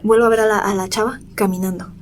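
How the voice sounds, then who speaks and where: A young woman with a Mexican accent, co-hosting a podcast, animatedly retells a creepy story in reported speech during casual chat. Her mid-range voice stays fairly even in intonation as she talks fast, with slight background noise.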